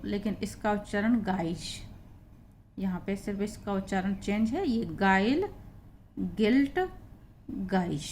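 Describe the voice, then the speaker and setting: Slow, patient Hindi-accented woman teacher. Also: medium pitch, a little mellow, a little hiss or hum. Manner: slow, patient, spells out letters and repeats example words. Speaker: English pronunciation teacher. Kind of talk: blackboard lesson explaining spelling rules.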